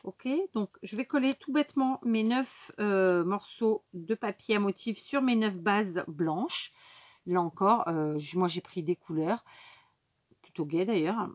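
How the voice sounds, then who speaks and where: A woman's voice: medium pitch, unhurried. A woman hosting a casual craft tutorial, explaining each step to her viewers with many fillers and asides. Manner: talks directly to viewers.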